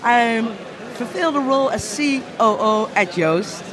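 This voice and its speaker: A woman's voice: fairly high pitch, expressive, unhurried, a crowd in the background. A woman raised in the Netherlands, an executive speaking enthusiastically. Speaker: company executive. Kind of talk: vox pop interview.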